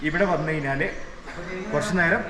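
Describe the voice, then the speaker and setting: A man's voice: a little high, normal speed, a loud crowd. A man with a Malayali accent giving casual vlog narration, mixing many English words into his Malayalam. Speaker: travel vlogger reviewing a resort. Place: on location around a resort, rooms and rooftop. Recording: echoey, clearly noisy location sound.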